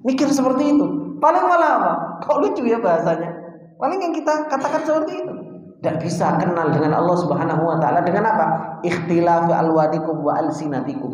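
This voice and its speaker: A man with a Javanese accent teaching a Quran commentary lesson, often asking rhetorical questions with a sharp upward jump and calling the listeners "Pak". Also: on the high side. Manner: addresses listeners as "Pak", mixes in Arabic recitation. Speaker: Islamic teacher. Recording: very echoey hall with long reverb.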